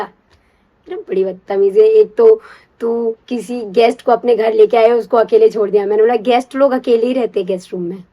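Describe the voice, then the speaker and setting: A young woman casually telling a personal story in a chatty, confiding way, checking in with the listener and slipping into a hushed whisper for the secret parts. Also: fairly high pitch. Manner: chatty, confiding, keeps asking "you get it?"; drops to a hushed whisper when acting out secrecy. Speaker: storyteller recalling her first love.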